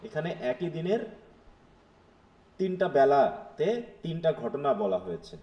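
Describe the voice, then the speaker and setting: Over dull audio, a man with a fairly high, sing-song voice teaches an English literature class at an unhurried pace. Mixing Bengali and English, he breaks the material down step by step and keeps asking his students if they follow.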